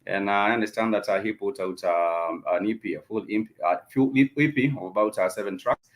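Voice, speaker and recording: A man with a Kenyan accent hosting an unscripted music talk show, speaking haltingly with many ums and repeated phrases. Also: fairly low pitch. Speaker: radio show host.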